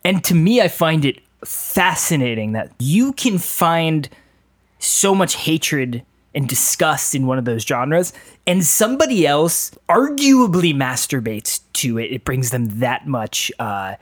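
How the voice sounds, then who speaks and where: A man co-hosting a podcast in casual chat, halting and wry, often restarting his sentences. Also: fairly high pitch, very animated. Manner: halting, self-correcting, wry. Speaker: podcast co-host.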